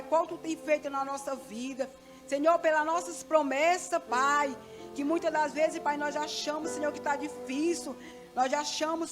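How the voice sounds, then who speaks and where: A middle-aged Brazilian woman at a church service, sharing a rambling testimony and praying fervently and repetitively, calling out to God and the pastor again and again. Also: sits high. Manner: rambling, keeps turning to the pastor with "né"; fervent, repetitive prayer full of "Senhor" and "Pai". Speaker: church member giving testimony and offering prayer. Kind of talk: testimony and spontaneous prayer.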